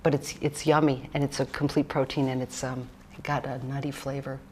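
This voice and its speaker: A woman's voice: rumbling low, little pitch movement, fairly quick, darkish tone, slight background noise. A woman cookbook author chatting casually through a cooking demonstration, rambling with jokes and fillers.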